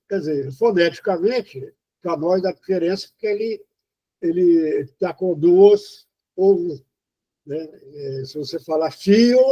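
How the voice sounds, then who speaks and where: A man from Brazil giving an informal spoken lesson on poetry, halting and explanatory, with many fillers and restarts. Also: high voice, warm tone, husky. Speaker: poetry teacher. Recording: dull lo-fi recording.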